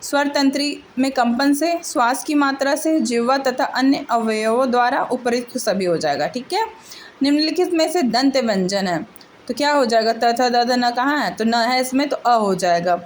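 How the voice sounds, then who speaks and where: High-voiced woman teacher drilling answers. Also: lively intonation, moderate pace, slight background noise. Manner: asks a question, then answers it herself; repeats answers and adds "ठीक है" checks. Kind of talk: exam-prep lesson going through multiple-choice answers.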